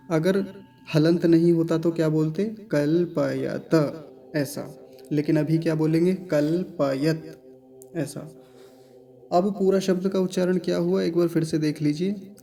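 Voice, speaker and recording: A man teaching mantra pronunciation in a lesson, sounding words out slowly syllable by syllable and chanting lines in a measured flow. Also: a little high, dark tone. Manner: slow, deliberate syllable-by-syllable demonstration. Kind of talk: recitation lesson.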